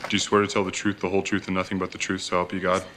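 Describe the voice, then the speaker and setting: An actor playing an official court bailiff reciting an oath by rote in a TV courtroom drama. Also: male voice, low-pitched, monotone, rapid-fire, fairly bright tone, a little hiss or hum. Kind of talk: television courtroom drama acting.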